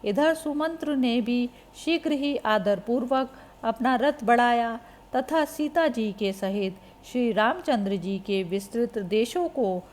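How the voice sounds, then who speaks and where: Slow, measured woman narrating scripture. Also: a little high, a little mellow.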